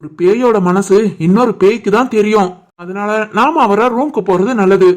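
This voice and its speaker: A woman voicing an easygoing family member who readily agrees and jokes along in an animated family story. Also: mid-range voice, moderate pace, close to an everyday voice. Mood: playful.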